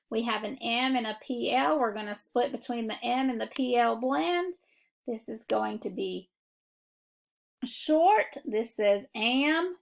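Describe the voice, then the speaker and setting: A woman teaching a phonics lesson, walking through syllable marking step by step in a deliberate classroom manner. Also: on the high side, gravelly. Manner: slow, deliberate classroom instruction. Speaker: reading teacher.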